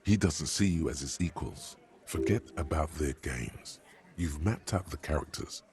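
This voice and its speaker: An actor voicing a calm, observant inner-voice narrator in a detective video game. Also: male voice, rumbling low, a little slow, heavily acted.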